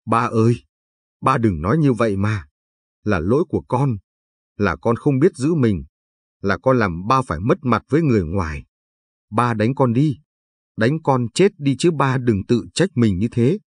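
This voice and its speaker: A man's voice: mid-range voice, lively intonation, normal speed, slightly rough, no echo. A man reading the lines of a frightened, tearful young pregnant woman in a spoken story. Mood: pleading. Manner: pleading.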